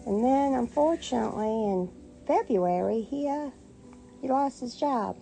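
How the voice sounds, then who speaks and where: A fairly high, mellow, expressive voice belongs to a middle-aged American storyteller and online content creator who takes her time telling a personal story. She's playful and sassy, acting out the dialogue. The recording is rough, with clear music in the background.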